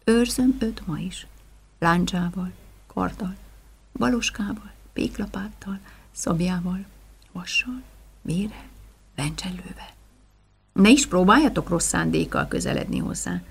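A woman tells a first-person folk tale with great drama. Her voice is husky and gravelly. She drops to hushed whispers, then rises to loud, rhythmic chanted lists. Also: lowish voice, long pauses. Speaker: storyteller.

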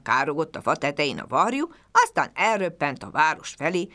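A woman reads a bedtime story to children, gently and expressively. Her bright voice sits a bit low and moves a lot in pitch.

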